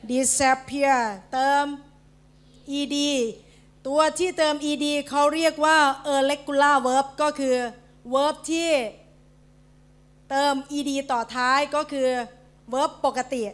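A woman's voice: high voice, fairly bright tone. A woman from Thailand teaching English in a school meeting hall, calling out words one at a time for the class to repeat. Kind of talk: classroom pronunciation drill.

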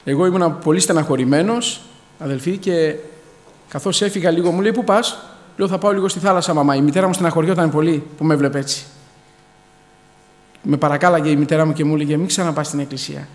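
A man in his thirties speaks in a fairly high voice, giving a fervent testimony to a congregation. He keeps calling out hallelujah and addressing the brethren. His words ring out in a hall with a long echo. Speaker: church member giving testimony. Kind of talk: testimony in church. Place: church hall.

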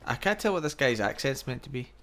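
A man's voice: medium pitch, big pitch swings, fast, fairly bright tone, slight background noise. A man chatting casually during a co-op game, laughing often and swearing as he teases his friends. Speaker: gameplay streamer. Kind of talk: casual co-op gaming chat.

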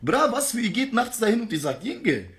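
A man's voice: very high voice, sing-song, a little fast, a bit bright. A man ranting heatedly in a live-stream argument, full of street slang.

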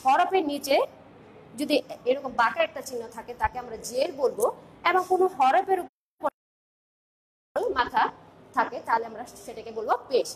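A woman's voice: high voice, animated, slightly rough. A woman teaching an online class with a Bangladeshi Bengali accent, calling out letters one by one and asking her pupils questions as she goes. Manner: slow, drilled recitation of letters with questions to pupils.

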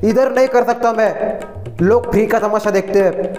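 A man's voice: high-pitched, fairly even intonation, normal speed, darkish tone, lightly acted. A man voicing an earnest young man who speaks in a pleading, protective way to his childhood friend. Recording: echoey room, faint music.

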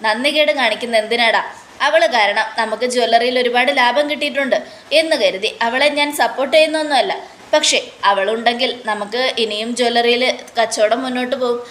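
A woman's voice: a little high, fairly quick, fairly bright tone, close to an everyday voice. Woman playing a practical mom-in-law, persuading her son, faint hiss behind. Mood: coaxing. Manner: coaxing, reasoning. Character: middle-aged mother-in-law, practical, persuasive.

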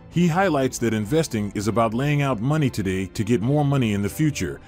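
A man reading a scripted summary in an even, formal way, with faint music behind. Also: medium pitch. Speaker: channel narrator.

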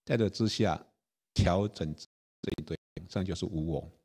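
Buddhist monk giving a relaxed dharma talk, low husky voice, keeps asking if listeners follow. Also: male voice, moderate pace. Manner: chatty, laughs, asks the audience if they follow.

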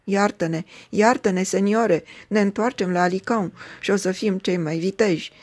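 A woman's voice: mid-range voice, darkish tone, natural voice. A woman reading aloud voices frightened male deserter soldiers begging for mercy. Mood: pleading. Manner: pleading.

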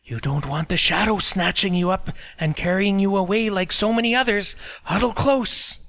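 A man's voice: high-pitched, normal speed, a bit bright, voice pushed up. A man voicing an old village woman who frightens children with whispered warnings by a fire. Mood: ominous. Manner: whispery, fierce. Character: old village woman telling scary tales.

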